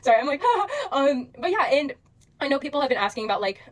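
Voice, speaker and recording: A woman's voice: sits high, very animated, fast talker. A young woman casually addressing her followers as a social media creator, rambling and gushing with lots of fillers.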